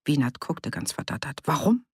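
A woman reading an audiobook in a calm, measured storytelling manner. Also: deep voice, breathy edge, dry recording, studio quality. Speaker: audiobook narrator. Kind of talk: scripted narration.

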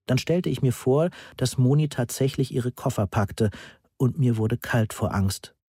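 A man reading a novel aloud as an audiobook narrator, dry and brisk. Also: mid-range voice, dark tone, slightly rough, no room sound. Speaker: audiobook reader.

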